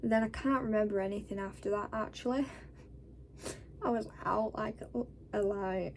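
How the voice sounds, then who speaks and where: Woman, Northern English accent, after wisdom-tooth removal, weary, sore scratchy throat, slow pace, casual storytelling, faint background noise. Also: mid-range voice, a little mellow. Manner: sweary, blunt. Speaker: vlogger. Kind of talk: casual personal storytelling to camera.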